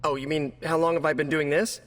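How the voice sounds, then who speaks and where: A man's voice: a little high, little pitch movement, quick pace, fairly bright tone, soft background music, natural voice. An American man playing a young, nerdy, wisecracking superhero in a video game, chatty and joking in a stop-and-start delivery. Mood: upbeat, joking. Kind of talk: video game cutscene dialogue.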